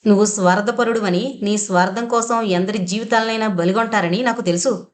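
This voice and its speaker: Lady doing a hot-tempered young sister, sharp tongue, sarcastic, audio novel voice. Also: medium pitch, fairly even intonation, fairly quick, natural voice. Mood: angry. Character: fiery young woman Vijaya, quick-tempered elder sister.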